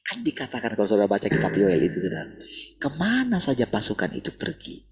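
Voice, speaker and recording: A man's voice: fairly low pitch, huge pitch swings, fast talker, husky, rough recording. A man preaching a sermon in a conversational way, often turning to address his listeners directly.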